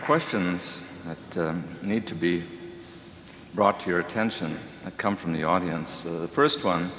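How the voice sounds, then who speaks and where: Low-voiced male moderator in an echoey hall. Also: measured pace. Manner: hesitant, frequent um and uh. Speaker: moderator reading audience questions. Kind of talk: moderating a conference Q&A. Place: lecture hall. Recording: echoey hall with faint noise.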